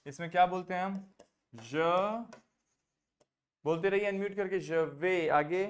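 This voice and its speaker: A French teacher with an Indian English accent runs an online class over a video call in a medium-pitched, steady voice. Patiently mixing English, Hindi and French, he drills phrases by repeating them slowly.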